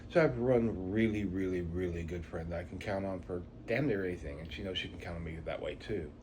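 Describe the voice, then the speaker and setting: A middle-aged man talking reflectively and unscripted to viewers, his articulation slurred by missing teeth and a speech impediment, rambling with halting pauses. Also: deep voice, background noise. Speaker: vlogger introducing a channel.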